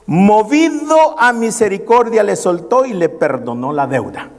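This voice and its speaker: A male pastor preaches in a halting, repetitive way, pausing often. His voice sits a little high and moves a lot in pitch, with a gravelly edge. It rings out with the long reverb of a church hall. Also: expressive. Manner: preaching with many pauses and repeated "hermano". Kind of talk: sermon.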